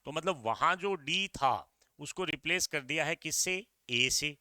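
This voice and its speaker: A middle-aged Indian man delivers an exam-prep physics lecture in a very bright, crisp, fairly high-pitched voice, speaking a little slowly. He's energetic, repeats the key points again and again, and addresses his students directly. The recording is dry, with no sense of room.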